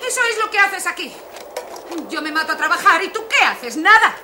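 A woman's voice: very high-pitched, expressive, fairly quick, background noise. A voice actress playing a fed-up café owner who scolds her husband in a dubbed film. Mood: furious. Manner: shouting, scolding, bossy. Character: fed-up, furious woman running a roadside café.

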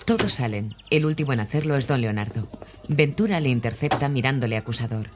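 A narrator reading scripted audio description for a film in an even, measured way. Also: mid-range voice, noisy background.

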